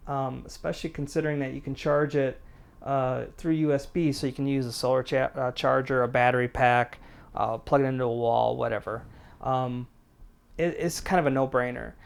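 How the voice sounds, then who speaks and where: This prepper channel host and product reviewer, a middle-aged man, keeps his casual review plain-spoken and chatty. He speaks at a medium pitch with a clean tone.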